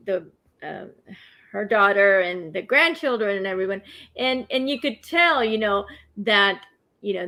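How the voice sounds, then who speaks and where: A middle-aged woman from Cuba interviewing a guest in a casual conversation, halting often to search for words. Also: mid-range voice, fairly bright tone. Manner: halting, searching for words with many ums and restarts.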